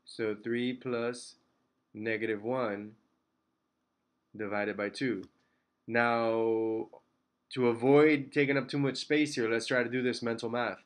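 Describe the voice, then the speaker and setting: A man's voice: mid-range voice, a bit bright. A man teaching a math lesson, working through problems step by step and checking in with "okay?" and "all right?", with the odd self-mocking joke. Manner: light self-deprecating asides.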